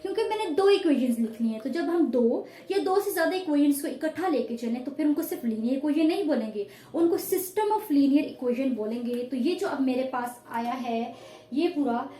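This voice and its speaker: A woman's voice: high-pitched, lively intonation, normal speed, dark tone, roomy sound, a little hiss or hum. A woman math teacher explaining a lesson step by step, patiently repeating each point and addressing her pupils.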